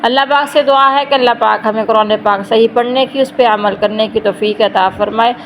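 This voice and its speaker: A woman teaching Quran reading. She spells out syllables slowly, joins them, and explains quickly between the drills. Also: a little high, steady tone, a little hiss or hum, poor audio. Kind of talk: slow letter-by-letter recitation lesson.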